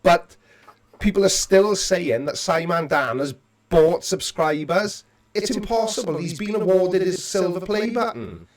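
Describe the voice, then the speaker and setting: A man chats wryly on an online call, his voice a little high for a man. Everything he says booms back with a heavy cave-like echo. He sits well back from his home mic, so he sounds distant and roomy. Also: unhurried. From Wales. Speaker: co-host. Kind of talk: casual livestream chat. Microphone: home computer mic over an online call. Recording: echoey room, voice far from mic.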